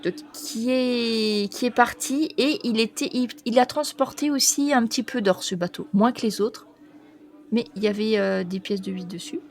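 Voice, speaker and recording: A woman running a tabletop role-playing game as game master, reading out a long list with many pauses and fillers, stumbling over foreign names. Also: on the high side. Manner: reads foreign names haltingly.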